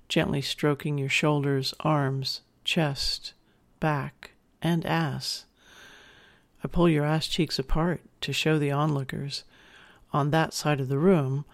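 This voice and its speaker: A narrator speaking as a dominant partner, telling an erotic story to the listener in an intimate, measured way. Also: mid-range voice. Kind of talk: intimate second-person erotic audio narration.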